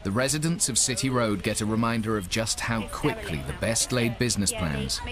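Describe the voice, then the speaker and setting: A man's voice: lowish voice, animated, normal speed. A man reading scripted narration for a television documentary. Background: music and vehicle sounds.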